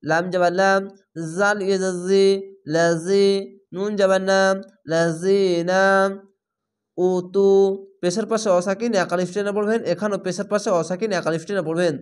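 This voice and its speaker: A man with a notably high voice leads a Quran reading lesson. He breaks each word into its letters and vowel marks, then repeats it whole, always patient and methodical. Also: steady tone, moderate pace, long pauses, clean tone. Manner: patient, repetitive letter-by-letter spelling. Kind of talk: slow spelled-out recitation lesson.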